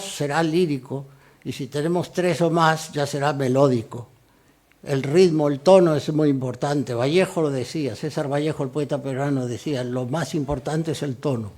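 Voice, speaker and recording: Man lecturing on poetry, slightly high voice. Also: a little mellow. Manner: measured, explanatory, recites verse examples slowly. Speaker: lecturing poet. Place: lecture hall.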